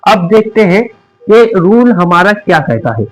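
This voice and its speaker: A man's voice: high voice, very animated, a little slow, poor audio. A young man with a Hindi accent teaching a lesson, repeating each word as a question and then answering it. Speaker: English teacher.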